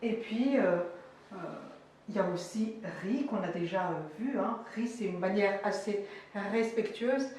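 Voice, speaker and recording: A woman teaching a language lesson, explaining words slowly with many hesitations and fillers. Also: medium pitch, a little mellow. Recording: echoey room, voice far from mic, faint noise.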